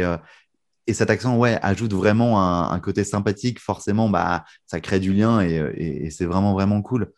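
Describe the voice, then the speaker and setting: Young French man chatting easily. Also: deep voice. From France. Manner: relaxed, many fillers and restarts. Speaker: guest magician. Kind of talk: casual interview chat.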